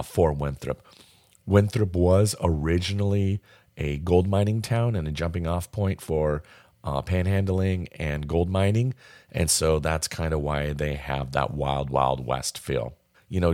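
A man's voice: low voice, darkish tone, dry recording, studio quality. A man casually walking through a camping trip itinerary, giving friendly, practical tips with the odd filler. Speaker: travel and camping guide. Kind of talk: casual travel itinerary talk.

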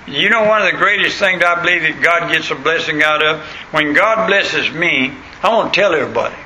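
Male preacher, rural American accent, plain country diction. Very bright, hard-edged, slightly high voice, folksy sermon delivery. Noisy recording. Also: brisk. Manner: folksy, punctuates points with questions to listeners. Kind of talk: sermon with anecdotes and scripture reading.

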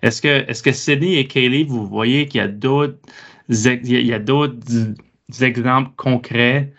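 Man, discussion host, measured questions, mid pitch, lo-fi recording. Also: steady tone, fairly bright tone. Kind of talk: hosted discussion. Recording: dull lo-fi sound.

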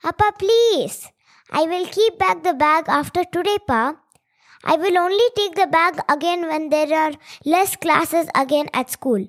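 High-voiced South Indian girl, slow pace. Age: child. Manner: Indian English phrasing, addresses father as Appa. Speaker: co-host, storyteller's child.

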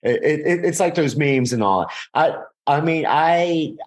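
A man's voice: fairly high pitch, lively intonation, a little slow. A man in his forties, a podcast guest, talking casually with lots of restarts and repeated words. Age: 40s. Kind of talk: casual conversation.

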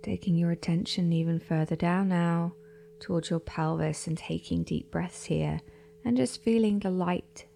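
Soft, gravelly-voiced woman guiding meditation. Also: on the low side, fairly even intonation, slight background noise. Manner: slow, soft-spoken, often half-whispered. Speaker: meditation guide. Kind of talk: guided meditation.

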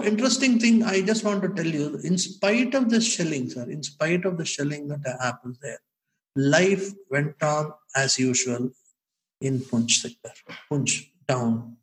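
An older man with an Indian accent telling memories in an animated, emphatic, conversational way, often addressing the listener as sir. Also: a little high, poor audio. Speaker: former bank inspector telling memories. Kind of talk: conversational storytelling.

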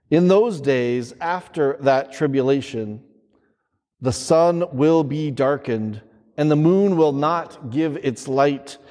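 A priest reading the Gospel and preaching in a slow, measured liturgical manner, his voice carrying a long cathedral-like echo. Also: a little high, a little mellow. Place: large church. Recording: church hall with long reverb.

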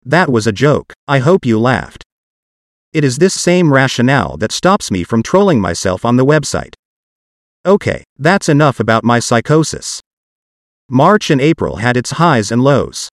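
A man's voice: medium pitch, very animated, normal speed, no echo, studio quality. A man's computer-generated voice, like an old speech synthesizer, hosting a podcast with scripted, machine-like narration. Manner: evenly articulated, machine-like reading. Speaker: podcast host.

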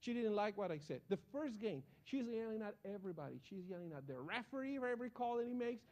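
A man with a notably high voice preaches to his congregation. He is a middle-aged pastor who tells personal stories with animation and often restarts his sentences as he goes. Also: fast talker. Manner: animated storytelling with frequent restarts.

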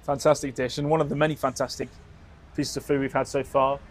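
A man's voice: mid-range voice, flat delivery, fast talker, a little hiss or hum. A man co-hosting a podcast, telling travel stories in an upbeat, rambling way. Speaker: podcast co-host. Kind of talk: casual travel storytelling.

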